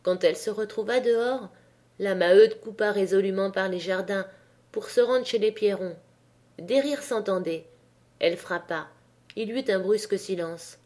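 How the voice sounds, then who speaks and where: A woman's voice: mid-range voice, moderate pace, a little mellow. Woman reading a classic novel aloud. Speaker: audiobook reader. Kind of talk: audiobook narration of a classic novel.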